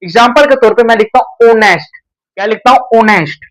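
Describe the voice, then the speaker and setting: A man's voice: very high-pitched, fairly quick, a bit bright, poor audio. A young man teaching an English grammar lesson at a board, who asks the class questions and answers them himself.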